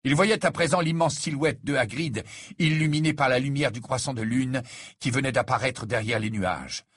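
A man reading a fantasy novel aloud in measured, dramatic scripted narration. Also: mid-range voice, a bit bright, husky, no room sound, studio quality. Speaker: audiobook narrator.

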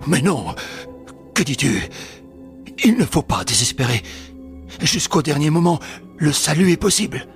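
A man's voice: a little high, very animated, unhurried, pauses often, faint music behind. A man voicing a determined young hero in a read-aloud novel, speaking firmly and reassuringly. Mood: resolute. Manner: firm, reassuring.

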